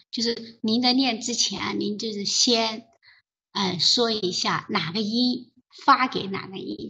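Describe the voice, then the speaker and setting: A woman's voice: medium pitch, creaky, bright, forceful tone, breathy edge, rough recording. A woman leading an online study group, explaining pronunciation patiently with many fillers over a voice call.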